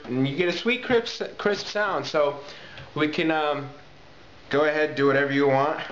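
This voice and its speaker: Talking over music, a talk box player with a slightly high voice and moderate pace gives a casual how-to demonstration. He calls viewers "guys" and repeats the important points to emphasize them, and the homemade recording sounds muffled, echoey and noisy.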